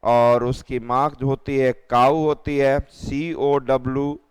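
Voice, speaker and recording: A man's voice: medium pitch, flat delivery, slow, smooth, big-room sound. A man teaching children, spelling English words letter by letter and repeating them.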